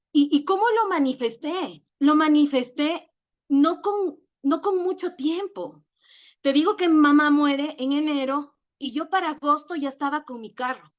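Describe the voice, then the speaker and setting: A middle-aged woman with an Ecuadorian accent telling her personal story in an emotional, earnest way, often halting and repeating words. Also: high-pitched. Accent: Ecuadorian Spanish. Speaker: network marketing leader. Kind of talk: personal testimony.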